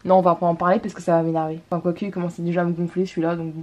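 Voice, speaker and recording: A woman's voice: lowish voice, flat delivery, rapid-fire, a little mellow. A young woman, chatting casually in a bubbly, playful vlog and dropping English slang. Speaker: vlogger.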